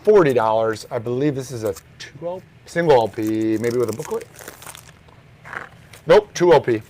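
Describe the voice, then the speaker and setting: A man's voice: mid-range voice, moderate pace. Laid-back man pricing records aloud. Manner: relaxed, quoting prices offhand. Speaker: record store host. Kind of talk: casual show-and-tell.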